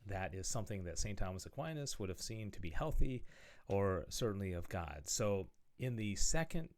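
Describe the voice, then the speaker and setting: A man's voice: on the low side, very animated, normal speed, darkish tone. A man giving a conversational video lecture on theology, often checking in with "okay?" and "right?" as he explains passages he reads aloud. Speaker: religious studies teacher.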